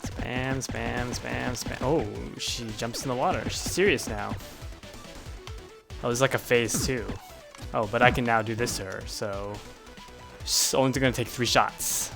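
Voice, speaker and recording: A man's voice: mid-range voice, a little slow, gravelly, pauses often, a bit bright. A man streaming a video game, giving rambling, offhand commentary as he plays. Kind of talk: casual gameplay commentary. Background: faint game music.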